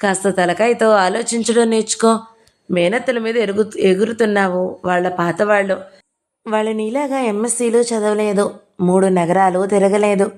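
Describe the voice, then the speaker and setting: A woman voicing an older woman writer who teases and scolds in a sharp, playful way. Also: medium pitch, natural voice. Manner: teasing, scolding.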